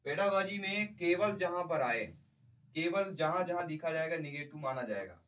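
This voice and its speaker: A man's voice: a little high, expressive, moderate pace, a bit bright, recorded from a distance, low-quality recording. A male teacher giving an exam-prep lecture, explaining by repeating points and putting questions to the class.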